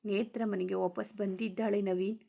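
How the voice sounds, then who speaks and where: A woman voicing a spirited young wife in a storybook reading, affectionate yet sharp-tongued. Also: mid-range voice, level tone, normal speed, gravelly, lo-fi sound. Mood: stern.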